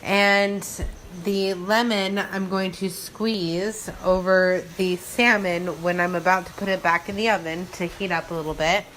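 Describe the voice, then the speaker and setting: A woman's voice: lowish voice, steady tone, unhurried, a bit bright. A woman giving an informal, step-by-step cooking narration in the style of a casual home vlog. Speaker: home cook presenting a recipe. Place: home kitchen. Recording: noisy kitchen with frying sizzle. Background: food frying and sizzling.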